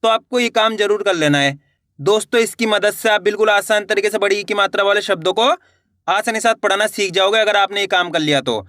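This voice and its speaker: A man's voice: high voice, fairly quick, a bit bright, dry recording, studio quality. A man teaching Hindi reading, who sounds out words syllable by syllable and encourages his viewers to keep trying. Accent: Hindi (Indian). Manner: stretches each word syllable by syllable, then repeats it; encouraging, addresses viewers as friends. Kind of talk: slow word-by-word reading lesson.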